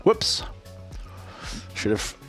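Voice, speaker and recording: A man's voice: very slow, fairly bright tone, soft background music. A man streaming chess live in casual commentary, chatty and self-deprecating, reading out viewers' questions.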